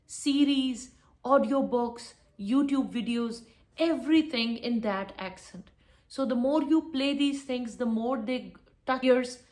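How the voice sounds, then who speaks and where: A woman delivering an English lesson in a firm, instructive way. Her voice sits a little high, and she repeats her main points so they stick. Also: darkish tone. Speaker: English teacher. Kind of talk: spoken lesson to camera.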